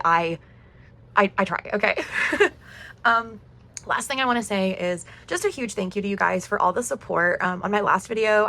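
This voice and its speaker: Chatty and cheerful, this budgeting vlogger in her thirties talks casually to camera despite losing her voice. She laughs a lot, and her medium-pitched voice is slightly bright.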